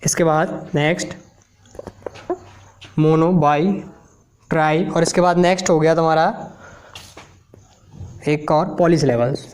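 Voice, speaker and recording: A male teacher slowly explains a lesson, repeating words one at a time as he writes. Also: fairly high pitch, fairly even intonation, darkish tone, slight background noise. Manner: slow, repetitive, drills words one at a time. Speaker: English teacher. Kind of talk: explaining a lesson while writing on a board.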